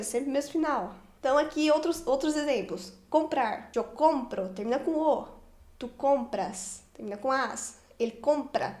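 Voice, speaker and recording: Brazilian woman, Portuguese native, Spanish teacher; high pitch, patient repetitive delivery, echoey room. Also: darkish tone. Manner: patient, repeats each form and ending slowly. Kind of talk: explaining grammar to learners.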